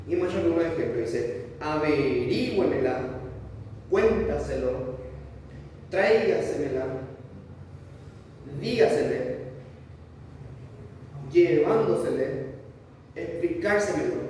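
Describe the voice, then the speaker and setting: Male teacher, slow and repetitive, mellow voice, distant mic in an echoey classroom. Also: on the high side. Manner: slow, repetitive, checks understanding often. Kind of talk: classroom lesson. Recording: echoey room from far off, faint noise.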